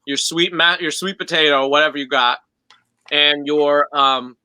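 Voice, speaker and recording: Man host, higher bright voice, dry sound, friendly questions. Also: fairly even intonation, normal speed, clear, resonant tone, dry recording, poor audio. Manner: upbeat, asks questions, laughs easily. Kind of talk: casual chat.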